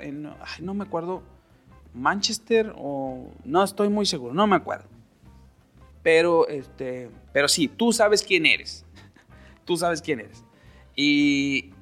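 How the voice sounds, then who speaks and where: Northern Mexican (Monterrey) male podcast host, opinionated, chatty, laughs often, slightly high voice, faint music bed. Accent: Monterrey Mexican Spanish. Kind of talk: casual solo podcast monologue.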